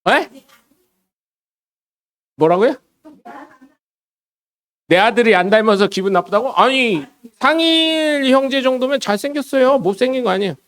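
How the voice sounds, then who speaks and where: Man, pastor, chatty sermon, high voice, quizzes the congregation. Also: animated, unhurried, long pauses, a bit bright. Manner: asks the congregation questions and acts out quoted voices. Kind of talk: casual conversational sermon. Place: church sanctuary.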